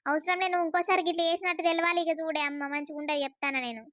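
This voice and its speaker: A woman voicing a bossy middle-aged village mother-in-law who lectures and scolds rapidly. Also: very high-pitched, steady tone, pushed and bright, no echo. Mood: scolding. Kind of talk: cartoon voice acting. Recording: slightly dull lo-fi sound.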